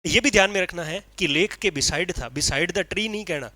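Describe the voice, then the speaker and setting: A male teacher gives an energetic exam-prep literature lecture with a bright, forceful tone and a slightly raised pitch. The recording is dry and close, with no room sound. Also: moderate pace, dry recording. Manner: energetic, explaining, frequent "ठीक है".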